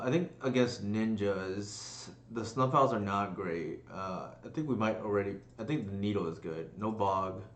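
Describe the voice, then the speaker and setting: A man with a lowish but fairly bright voice live-streams a card game, thinking aloud casually and hesitantly with many fillers. He burps and coughs at times, and the room sounds echoey.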